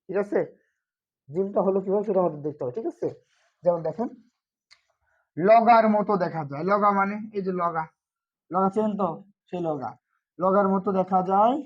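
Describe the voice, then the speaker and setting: A Quran teacher walks viewers through Arabic letters in an online lesson. The teacher repeats each point, asks a quick question and then answers it, and keeps checking in. The sound is dull and lo-fi, with medium pitch. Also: darkish tone. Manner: patient, repetitive, asks and answers its own questions. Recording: dull lo-fi recording.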